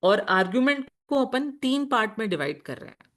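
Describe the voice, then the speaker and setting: A woman's voice: a little high, very animated, brisk. A woman teacher giving a lecture on reasoning, explaining patiently, asking questions and answering them herself, and mixing terms into Hindi. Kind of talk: classroom lecture.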